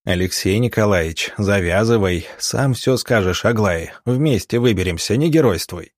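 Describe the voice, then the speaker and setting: A man's voice: lowish voice, expressive, moderate pace, no room sound. A man voicing an earnest, determined country doctor who speaks in an urgent, pleading way, in a dry recording. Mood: urging.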